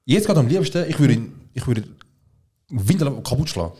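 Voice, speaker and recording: A man's voice: medium pitch, big pitch swings, brisk, warm tone, breathy edge. A young man with a Swiss German accent, co-hosting a podcast in casual chat and reacting bluntly with swearing and outrage. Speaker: podcast co-host.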